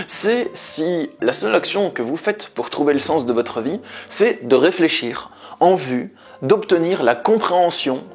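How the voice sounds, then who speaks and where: A man's voice: a little high, slightly rough. A man speaking as a life coach, giving earnest, explanatory motivational advice straight to his viewers.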